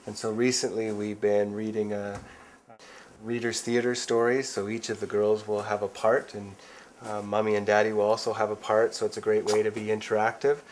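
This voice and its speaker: A man's voice: lowish voice, little pitch movement, moderate pace, slight background noise. A man in his thirties, a father, explaining family routines in a casual way.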